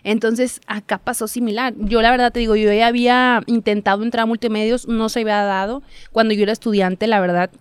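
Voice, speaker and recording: A young woman, telling her story as a guest in a casual interview, chatty and quick to laugh. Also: on the high side, fairly even intonation, clean tone, dry recording. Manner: chatty storyteller, laughs often, acts out quotes. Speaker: guest, TV reporter.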